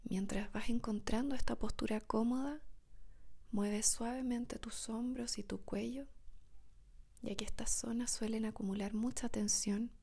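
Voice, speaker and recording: A woman whispers a guided meditation in the soothing manner of a sleep story narrator, speaking softly with long pauses. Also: fairly high pitch, fairly even intonation, creaky, breathy edge.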